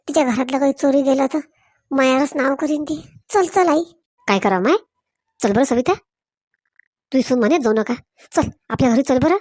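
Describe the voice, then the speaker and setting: High-voiced woman. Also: a little mellow, no echo, clean studio sound. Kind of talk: village comedy sketch, one performer voicing many characters.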